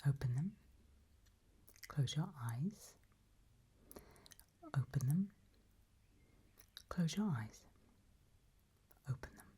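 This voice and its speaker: A woman voicing a gentle, eerie undead guide in a whispered role-play, slow and patient, with a breathy, husky whisper as she softly gives instructions. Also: extremely low pitch, animated, slight background noise, heavily acted. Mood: patient, coaxing.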